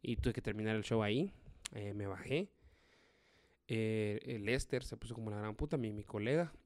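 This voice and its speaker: A man, a stand-up comedian telling a story in a profane, animated way. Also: fairly low pitch, moderate pace, no room sound, clean studio sound. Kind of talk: storytelling monologue.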